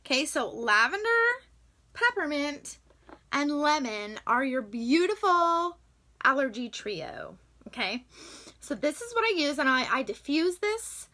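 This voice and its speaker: A woman's voice: high-pitched, very animated, unhurried, bright, forceful tone. A young woman chatting casually to the camera, enthusiastic and full of fillers, sharing tips on essential oils.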